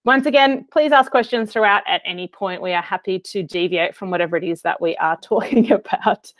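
Over a video call, an Australian woman in her thirties runs a webinar, chatting in a friendly, relaxed style packed with fillers like um and uh. Her voice sits in the mid range and is brisk, recorded dry.

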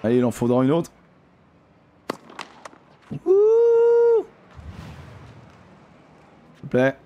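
A man hosting a gaming video, giving live commentary on his play, excitable and swearing often, repeating exclamations and talking straight to his viewers. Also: medium pitch, very fast, lo-fi sound, slight background noise. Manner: addresses viewers directly.

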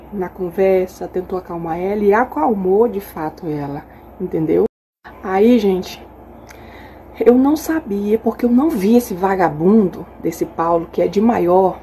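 A middle-aged woman with an Acre accent pours out a personal account to her followers, heated and repetitive. Her voice is dark and mellow at an ordinary pitch. A faint background noise runs under the recording. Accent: Brazilian Portuguese, Acre. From Acre, Brazil. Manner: agitated, repetitive, heated storytelling. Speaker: journalist and mother.

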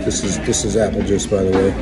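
An older man recounting a story to his phone camera, halting and reflective, with many pauses and fillers. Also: sits low, level tone, very noisy. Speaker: vlogger. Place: indoors in a wood-panelled restaurant or bar. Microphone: phone held close, selfie framing.

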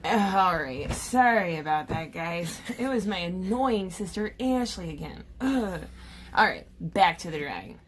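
A woman chatting to viewers in a comedic art vlog, playful and jokey, with drawn-out exasperated sighs. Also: fairly low pitch, animated, slight background noise. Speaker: art vlogger.

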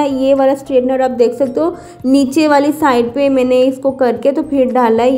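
A woman's voice: sits high, dark tone. A woman giving a patient, step-by-step hairstyling tutorial as a voice-over, often repeating words for emphasis. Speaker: hair stylist teaching a tutorial.

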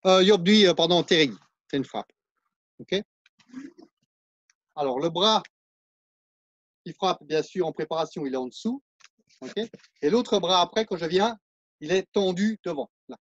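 A man's voice: high voice, lively intonation, measured pace, long pauses, dry recording, lo-fi sound. A man with a French accent teaching a martial arts class, counting and explaining moves as he demonstrates them. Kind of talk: live online class instruction.

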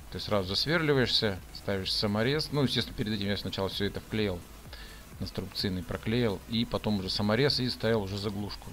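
A man's voice: on the low side, a bit bright, a little hiss or hum. A middle-aged man casually talking through a woodworking build in a voice-over, plain-spoken and explaining step by step. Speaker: woodworking channel host.

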